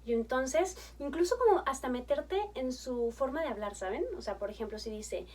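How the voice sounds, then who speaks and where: High-voiced woman giving parenting advice. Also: normal speed, recorded from a distance. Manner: animated, acts out chats with her kids in a bright coaxing tone. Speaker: family therapist.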